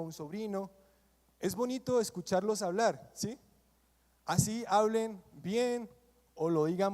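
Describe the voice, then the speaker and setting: A man's voice: high voice, a little mellow. A man in his twenties from Colombia preaching a sermon, calling on the congregation to repeat after him and answer his questions. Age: 20s. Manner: call-and-response, asking the congregation to repeat and answer. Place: church hall. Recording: long church hall reverb.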